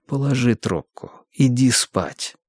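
Reader as a tense hiding man in an audiobook, hushed and exasperated. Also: mid-range voice, measured pace, dry recording, studio quality, voice pushed up, close to an everyday voice. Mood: exasperated whisper.

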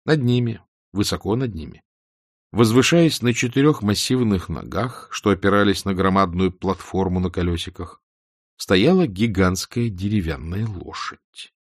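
A man narrating an audiobook in an expressive, varied reading. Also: deep voice, moderate pace, no echo, studio quality. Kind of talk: scripted narration.

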